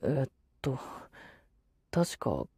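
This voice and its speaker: A male actor playing a gentle, devoted supernatural young man in an ASMR role-play of intimate bedside pillow talk, soft and hesitant. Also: mid-range voice, huge pitch swings, drawn-out words, no room sound, studio quality, heavily acted. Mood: dazed, hushed. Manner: soft, tender, breathy, hesitant.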